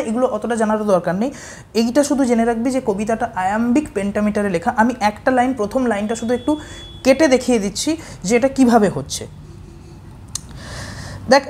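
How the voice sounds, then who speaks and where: Patient teacher woman, fairly high voice. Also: darkish tone, a little hiss or hum. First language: Bengali. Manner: patient, step-by-step, checks understanding. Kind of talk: explaining poetic meter to students.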